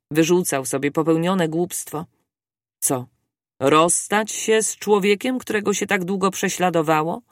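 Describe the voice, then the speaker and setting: An audiobook reader giving a steady, scripted narration of a classic adventure novel. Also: mid-range voice, no echo, studio quality.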